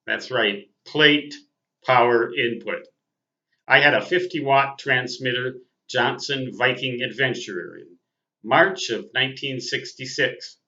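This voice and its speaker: An American amateur radio operator in his sixties from Minnesota hosts a casual monologue, reminiscing to viewers in a deliberate, precise way and spelling terms out phonetically. His mid-range voice is bright and forceful, and the recording sounds dull and lo-fi.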